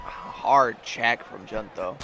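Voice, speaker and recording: A man's voice: lowish voice, slow, background noise. A man giving sports commentary, introducing fighters and calling the action.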